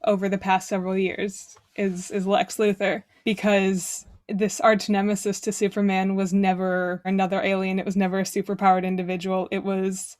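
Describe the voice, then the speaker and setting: A woman's voice: medium pitch, level tone, moderate pace, hardly any pauses, darkish tone, dry recording, studio quality. Young woman hosting a casual podcast. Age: young adult. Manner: conversational, with frequent restarts. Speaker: podcast host.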